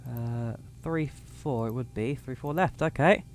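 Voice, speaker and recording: A little slow and mid-range, the slightly worn voice of a young man comes through with slight background noise. He casually explains a flight sim cockpit setup to viewers live, reading out codes and numbers.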